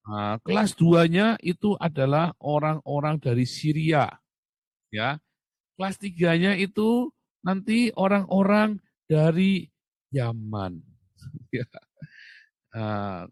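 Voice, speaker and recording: A man's voice: on the high side, dry recording. A man from Indonesia in a casual monologue, chatty and rhetorical, laughing at his own jokes. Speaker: host.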